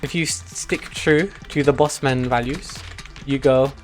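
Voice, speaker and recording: British streamer, mock-serious, over music. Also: male voice, medium pitch, steady tone, a little slow. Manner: mock-serious, breaking into chuckles. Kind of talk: mock lesson to live stream chat.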